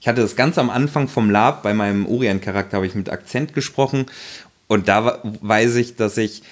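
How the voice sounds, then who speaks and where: A podcast co-host with a fairly low voice talks fairly quickly in a casual chat. He rambles, with lots of fillers and restarts.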